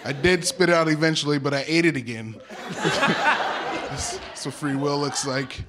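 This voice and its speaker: A man's voice: a little high, normal speed. A man doing an open-mic stand-up set, awkward and laughing at his own jokes. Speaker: stand-up comedian. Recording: noisy live recording.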